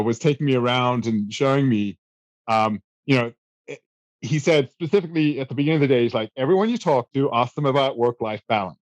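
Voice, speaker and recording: A relaxed South African storyteller in his thirties, here a guest, gives casual interview answers about his past with self-deprecating humor, frequent fillers, and small restarts. His voice sits at a typical middle pitch. Recorded close in a dry room without echo, the audio is rough.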